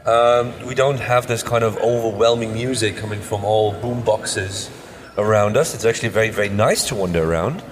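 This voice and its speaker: A man's voice: fairly low pitch, normal speed, slight background noise. A man from Europe chatting casually as a podcast co-host, emphatic and often repeating words for stress. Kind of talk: casual car show discussion. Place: indoors at an auto show stand. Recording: echoey hall with crowd chatter.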